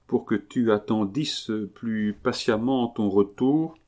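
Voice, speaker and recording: A man's voice: lowish voice, slow, a little mellow. A man voicing a soothing, devoted young nurse-friend. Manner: soothing, coaxing. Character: gentle, devoted young woman nursing her friend.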